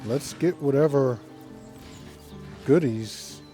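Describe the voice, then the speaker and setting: A man's voice: mid-range voice, slow, dark tone. A man casually commentating as he plays a game and reads dialogue choices aloud. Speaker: game player. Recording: game music behind the voice.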